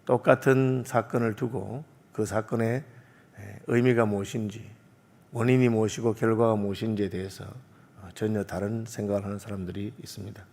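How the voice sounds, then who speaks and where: Sex: man. Role: pastor. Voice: low, gravelly. Style: early-morning sermon with rhetorical questions. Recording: long church-hall reverb. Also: steady tone, moderate pace, warm tone. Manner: conversational preaching with rhetorical questions and filler sounds. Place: church sanctuary.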